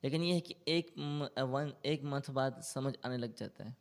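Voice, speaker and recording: A man's voice: mid-range voice, creaky. A man with a Pakistani Urdu accent, a Quran tutor answering interview questions and explaining tajweed patiently. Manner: recites in slow melodic chant; explains patiently with English loanwords.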